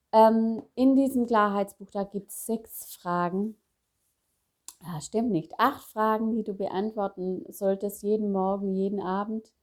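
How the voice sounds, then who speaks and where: Middle-aged woman coach, slow soft affirmations, personal motivational talk. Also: medium pitch. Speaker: self-help coach.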